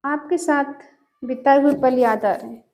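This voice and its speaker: A woman's voice: high voice, fairly even intonation, normal speed, a little mellow. A woman giving a collective tarot love reading in an earnest, repetitive way, often checking in with the listener. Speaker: tarot reader.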